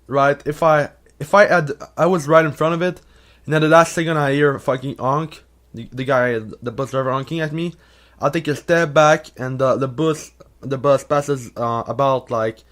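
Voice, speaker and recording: A young YouTuber with a partly Americanized Quebec French accent rambles through Reddit questions in a casual vlog. His voice is medium-pitched and fairly bright at a normal speed. His talk is full of swearing, "uh" fillers and restarts.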